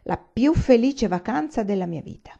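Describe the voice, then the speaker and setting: A proud, ambitious general speaks curtly and haughtily in a storybook reading, voiced by a woman. The tone is mellow and warm, and the recording sounds a little dull. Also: extremely high pitch, expressive, moderate pace, vocal fry, voice pushed up, exaggerated voice. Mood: brisk. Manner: haughty, curt. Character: arrogant ambitious Japanese general, grown man.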